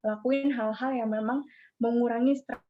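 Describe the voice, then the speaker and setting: A woman psychologist explaining advice in a relaxed, informal way, often tagging sentences and pausing on small fillers. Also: a little high. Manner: relaxed, informal, frequent "gitu" tag and "apa namanya" fillers. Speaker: psychologist guest. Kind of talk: casual explanatory advice talk. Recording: dull lo-fi audio.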